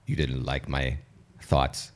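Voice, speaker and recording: A man's voice: rumbling low, level tone, takes it slowly. A man co-hosting a live podcast taping, making blunt, teasing wisecracks in casual banter. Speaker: podcast co-host.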